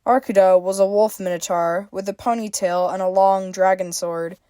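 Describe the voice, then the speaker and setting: A woman's voice: medium pitch, fairly even intonation, moderate pace, warm tone, dry recording, clean studio sound. A woman reading her own story aloud, with small slips now and then.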